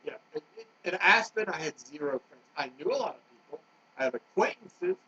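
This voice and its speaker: A middle-aged man in a rambling monologue, agitated, jumping from topic to topic and swinging between loud outbursts and low muttering. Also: big pitch swings, brisk, husky. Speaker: vlogger. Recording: dull lo-fi recording with faint noise.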